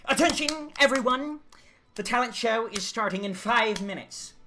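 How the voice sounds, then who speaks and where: A man voicing a booming, magically amplified announcement that comes from a flower, in a tabletop game. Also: expressive, moderate pace, noisy background. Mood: announcing. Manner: bellowing public announcement.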